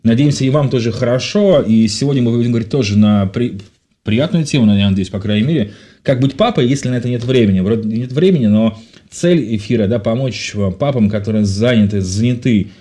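A man's voice: medium pitch, brisk, mellow. A man hosting a live radio talk show from a studio, chatty and jokey, with frequent filler sounds.

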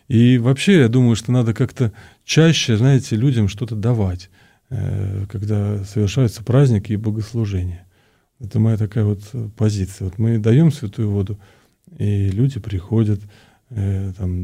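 A male priest answers questions in a lowish, very soft-edged, dark voice. He speaks conversationally and haltingly, circling back over words as he looks for the right phrase. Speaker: priest, interview guest.

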